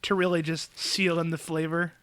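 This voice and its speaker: A man with a bright, forward voice riffing in a relaxed podcast chat. He pitches ideas with a dry, sarcastic edge, slightly higher than most men. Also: slight background noise. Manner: sarcastic, quick to joke. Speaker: podcast co-host. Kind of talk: casual brainstorming chat.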